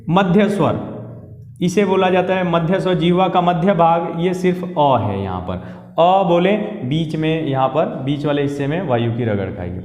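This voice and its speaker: A man with a fairly high voice teaches a lesson at an unhurried pace, stretching out sounds as he explains. He repeats key terms for his class. The recording rings with a long, hall-like echo. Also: darkish tone. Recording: echoey room with long reverb.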